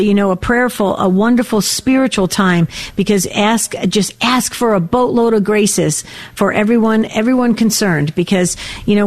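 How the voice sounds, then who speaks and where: A woman's voice: medium pitch, darkish tone. A woman co-hosting a call-in radio prayer show, speaking in an encouraging, pastoral way that rambles a little. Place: radio studio.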